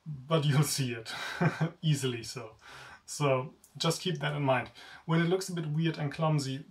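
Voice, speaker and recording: A young native German speaker with a German accent reviews a sword in an indoor room whose wall rack is lined with swords, chatting in a relaxed, self-deprecating way. His mid-range voice is gravelly and sounds distant from the mic, with the camera framing him from the chest up.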